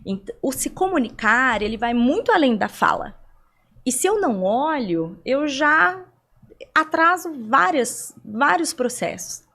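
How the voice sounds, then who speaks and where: A woman's voice: high-pitched, sing-song, measured pace, sharp tone. A young adult woman from Brazil, a guest on a podcast interview, explaining things at length with rhetorical questions and everyday examples.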